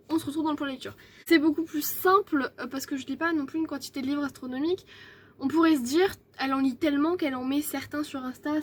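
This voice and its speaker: A young woman book vlogger in a casual evening vlog at her desk at home, chatty and rambling, with many fillers and self-corrections. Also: high voice.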